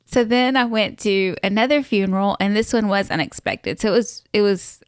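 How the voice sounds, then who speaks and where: A woman's voice: mid-range voice, moderate pace, clean tone, no room sound, studio quality. A woman co-hosting a casual podcast, telling stories in a hesitant, giggly way. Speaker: podcast co-host. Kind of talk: casual chat.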